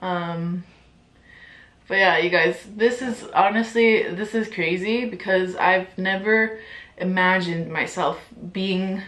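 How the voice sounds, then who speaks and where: A young woman in her twenties talks casually to her camera, giggling and filling her speech with "like" and swear words. Her voice is bright and forward. The room around her rings with noticeable echo. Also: lowish voice, slow pace. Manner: chatty, giggly, peppered with "like" and swearing. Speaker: vlogger. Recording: echoey room.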